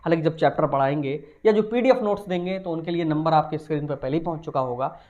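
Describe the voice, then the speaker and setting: A man with a Hindi-speaking Indian accent giving a recorded commerce lecture, explaining point by point and stretching key words slowly. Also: on the high side, darkish tone, dull audio. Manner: explains point by point, slow emphatic words, asks and answers himself. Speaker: commerce teacher.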